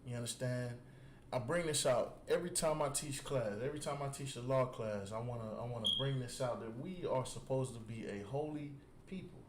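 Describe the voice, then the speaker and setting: In an echoey place with faint background noise, a medium-pitched male religious teacher preaches on the street a little quickly, with call and response. He is emphatic, repeating words to build his points, and tags almost each one with "You understand?"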